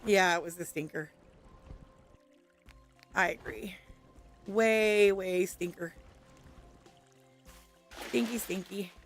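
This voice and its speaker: A woman's voice: medium pitch, slow, pauses often, faint music behind. A woman streamer chatting casually with viewers while playing a game, laughing often. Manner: chatty and giggly, answering viewers. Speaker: gaming streamer.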